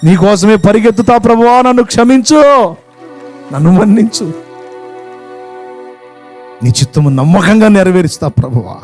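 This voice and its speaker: A man's voice: high-pitched, animated, moderate pace, pauses often, darkish tone, soft background music, voice pushed up. A man doing a tearful repentant old preacher. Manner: tearful, earnest pleading prayer. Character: repentant old male preacher begging forgiveness.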